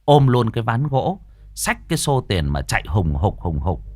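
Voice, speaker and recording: A man narrates a story in a low voice full of lively rises and falls. His telling is earthy and colorful. The sound is dry and close-miked, with faint music behind. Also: moderate pace, no echo.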